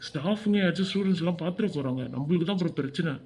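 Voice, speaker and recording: A man voicing a loyal male college friend in a cartoon, loud and rebuking, with a fast delivery. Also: high voice, breathy edge. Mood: reassuring. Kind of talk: cartoon voice acting.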